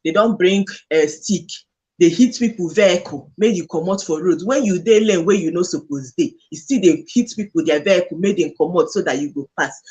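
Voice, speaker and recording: Husky Nigerian man, fairly high voice, speaking Pidgin. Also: fairly quick, a little mellow. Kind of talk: casual discussion in Nigerian Pidgin.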